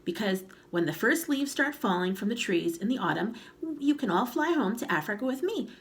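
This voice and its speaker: A woman's voice: medium pitch, very animated, a little fast, pitched above the performer's own voice. A woman reading a storybook aloud, voicing a kindly, chatty bird in a cheerful, reassuring tone.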